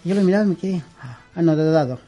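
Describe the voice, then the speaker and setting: Fast and warm, with a fairly high pitch, a middle-aged man from Peru talks as a guest in a relaxed interview. The costume and prop maker has a Peruvian Spanish accent and rambles, packing in fillers and restarts.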